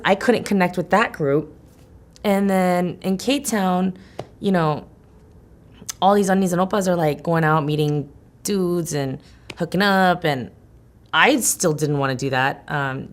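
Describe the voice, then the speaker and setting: A woman's voice: deep voice, gravelly. A young adult woman from Los Angeles, telling her life story frankly and casually, full of "like" and "you know". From Los Angeles, USA. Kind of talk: candid personal storytelling.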